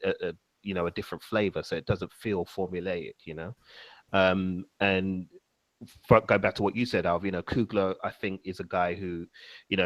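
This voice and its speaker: A man's voice: low-pitched, dry recording. A man hosting a casual podcast chat, laid-back, with lots of ums and you-knows. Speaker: podcast host.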